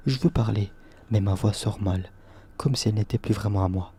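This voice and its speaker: A man narrating a first-person horror story for falling asleep, in short, even sentences. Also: fairly low pitch, normal speed, slightly rough.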